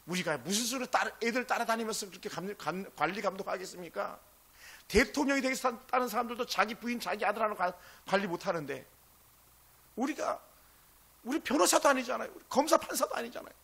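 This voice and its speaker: A male pastor delivers a sermon with a high, bright voice. His tone is husky and a little gravelly. He swings between loud, fervent exclamations and quiet asides. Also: lively intonation, fairly quick.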